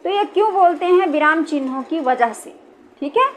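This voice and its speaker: A woman with a high, light voice teaches a grammar lesson. She talks patiently, repeats her points and keeps checking that her listeners follow. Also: animated, moderate pace, a little hiss or hum. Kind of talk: explaining a Hindi grammar lesson.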